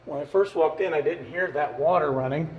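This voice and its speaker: A man's voice: a little high, a little fast, highs cut off. A man narrating his own ghost-hunting vlog as an amateur paranormal investigator, recorded on a handheld camera indoors. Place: indoors, empty public restrooms and office. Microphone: phone or handheld camera. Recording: echoey room, background noise.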